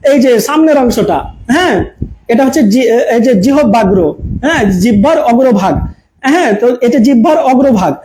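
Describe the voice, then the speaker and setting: A man teaches a grammar class in front of a projector, talking into a camera. His voice sits very high yet sounds soft and dark. He repeats each point and keeps asking his viewers questions, with a faint hiss under the recording. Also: animated, brisk, poor audio. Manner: code-mixes English words into his speech. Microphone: camera mic.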